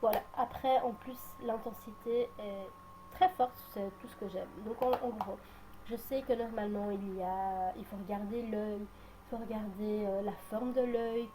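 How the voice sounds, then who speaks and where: A woman's voice: mid-range voice, steady tone, moderate pace, mellow, a little hiss or hum. A woman giving a casual makeup tutorial at home, hesitant and full of filler sounds and restarts as she talks through each step. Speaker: beauty vlogger.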